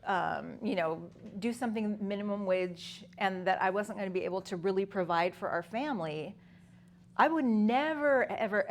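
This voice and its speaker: A woman in her fifties speaking at a conference, telling her personal story conversationally with many fillers and restarts. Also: mid-range voice. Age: 50s. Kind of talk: personal story talk to an audience.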